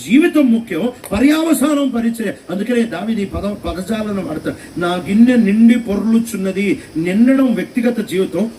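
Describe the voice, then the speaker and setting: A man preaching a sermon at a meeting, telling stories with lively rhetorical questions. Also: sits high, far from the mic, a little hiss or hum, rough recording. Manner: animated storytelling with rhetorical questions. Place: meeting hall.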